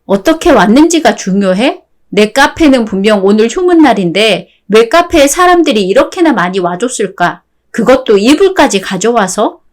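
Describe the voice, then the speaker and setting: A woman's voice: on the high side, moderate pace. A synthetic woman's voice as a cool, sarcastic wife. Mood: cold. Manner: calm, sarcastic, firm. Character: fed-up wife, cool and cutting. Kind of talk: radio drama voice acting.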